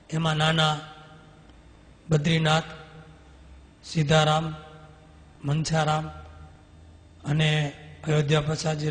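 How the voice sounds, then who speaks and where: A man, a swami telling devotional stories in an animated way and acting out the dialogue. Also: a little high. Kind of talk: devotional storytelling sermon. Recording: long hall reverb.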